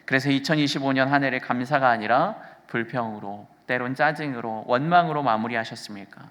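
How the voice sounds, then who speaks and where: A man's voice: medium pitch, brisk, fairly bright tone. A man in his thirties preaching a sermon as pastor, asking the congregation questions as he goes. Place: church sanctuary. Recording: long church reverb.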